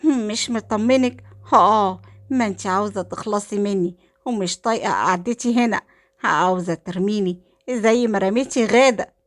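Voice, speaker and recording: A woman voicing a scheming young wife with an Egyptian accent, sharp and indignant. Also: medium pitch, moderate pace, long pauses, lightly acted. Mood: fake tearful. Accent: Egyptian Arabic.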